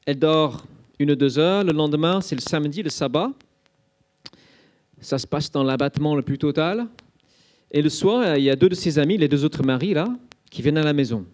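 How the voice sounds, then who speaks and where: A man's voice on the high side, darkish and moderately paced with long pauses, carries an Easter sermon told as a vivid story. He dramatizes the scenes and uses frequent fillers including "hein" and "euh".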